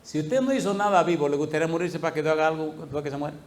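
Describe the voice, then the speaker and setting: A male pastor preaching a sermon, telling a story with lively laughter and acted-out voices. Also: fairly high pitch, rapid-fire. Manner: animated, laughing, acting out quoted voices.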